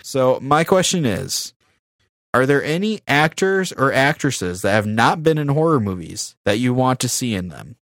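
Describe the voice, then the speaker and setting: Animated man co-hosting a podcast. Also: mid-range voice, moderate pace, no echo, studio quality. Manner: playful, teasing banter. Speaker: podcast co-host. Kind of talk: casual podcast chat.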